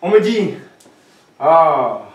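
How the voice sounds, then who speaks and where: A young man acting a scornful, idealistic teenage son in a stage play, mocking and passionate, breaking into shouts. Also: fairly high pitch, very animated, drawn-out words, background noise, full character voice. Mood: elated. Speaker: actor. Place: theater stage. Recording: echoey hall, miked from far off.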